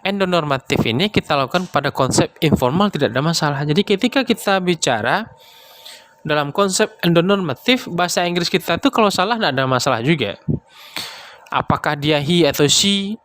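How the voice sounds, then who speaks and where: Lecturing man with a slightly high voice. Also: a bit bright. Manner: explains with many fillers like "nah" and "ya". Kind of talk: casual lecture.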